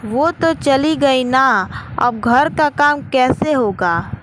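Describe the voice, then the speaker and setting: A woman's voice: high-pitched, expressive, slow pace. A woman voicing a lazy, grumbling middle-aged mother-in-law. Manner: grumbling, complaining. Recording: noisy with traffic outside.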